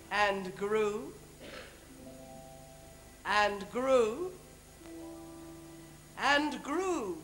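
Kindly old fairy godmother, English accent, grand pantomime declamation, slow, sweeping pitch. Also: fairly bright tone, exaggerated voice, low-quality recording. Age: older. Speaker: pantomime actress. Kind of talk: theatrical rhymed stage narration. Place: theatre stage. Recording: amateur videotape of stage show, music underneath.

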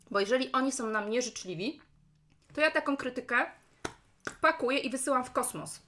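Higher-pitched woman with a chesty cough. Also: a little fast, long pauses, pushed and bright. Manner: chatty, repeatedly checking in with questions to listeners. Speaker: live-stream host, business coach and speaker. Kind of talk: casual live-stream talk to viewers. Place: at home, indoors.

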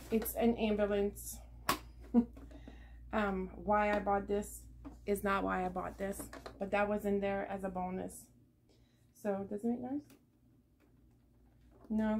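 With a medium-pitched, darkish voice and noticeable vocal fry, a middle-aged woman shows off her thrift haul to a camera set on a table in her living room. She rambles through her yard sale finds with many fillers as slight background noise hums along.

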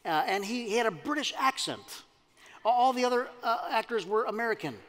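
A man delivers a sermon in a church sanctuary, his voice sitting high for a man. He keeps it conversational, often putting questions out to the congregation. A long reverb trails each phrase. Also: expressive, a little fast, fairly bright tone. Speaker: pastor.

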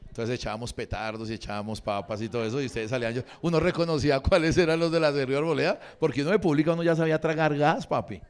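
Racing along with hardly any pauses, this fortysomething Bogotá comic bantered crudely with the crowd in an improvised stand-up set at a live comedy venue. His pitch is fairly high and the tone clean.

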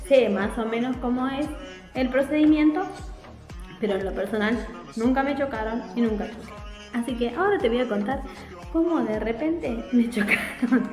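An animated woman in her forties with an Argentine Spanish accent talks straight to her webcam, chatting as if to friends. Her voice sits a little on the high side. The room is echoey, and soft music plays faintly behind her. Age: 40s. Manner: animated, chatty, gestures a lot with her hands. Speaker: vlogger. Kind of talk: casual storytelling to camera. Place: small room at home by a window, indoors.

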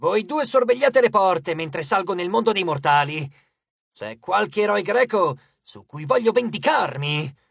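Man doing a grumbling titan guard, curt, complaining, shouts, slightly raised voice, audiobook, dry. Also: sits high, expressive, measured pace, creaky, breathy edge, dry recording, full character voice. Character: grumbling, put-upon male Titan guarding a lift.

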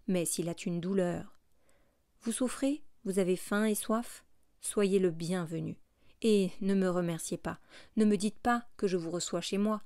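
A woman reading a kind, gentle older male bishop who speaks softly and calmly in an audiobook. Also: lowish voice, no echo, studio quality.

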